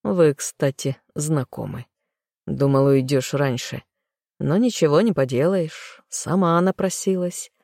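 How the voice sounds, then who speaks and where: A woman reading an audiobook, voicing a cold, sneering young nobleman husband with a low, growling, hushed delivery. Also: a little slow, vocal fry, no echo, studio quality, full character voice.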